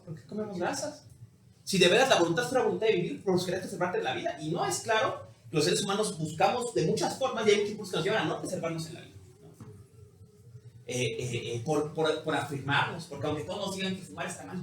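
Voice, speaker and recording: Mexican male philosophy teacher, high voice, animated lecture, echoey room. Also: fast talker. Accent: Mexican Spanish. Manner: animated, ends phrases with tag questions. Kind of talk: university lecture. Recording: echoey room with faint noise.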